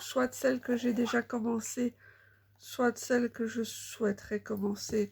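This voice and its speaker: A woman in her thirties chatting casually while she stitches, unhurried and full of fillers. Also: fairly high pitch, vocal fry, darkish tone, husky. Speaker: cross-stitch vlogger.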